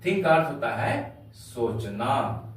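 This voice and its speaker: A man's voice: mid-range voice, very animated, slow, a little hiss or hum. A man teaching a spoken English lesson, spelling out words letter by letter and addressing viewers as dear children. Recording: echoey room, voice from far off the mic.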